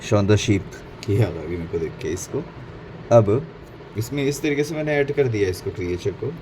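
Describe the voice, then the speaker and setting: A man's voice: lowish voice, moderate pace. A man narrating a casual painting tutorial, mixing Hindi and English and correcting his own slips as he goes. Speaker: painting instructor. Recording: faint background noise.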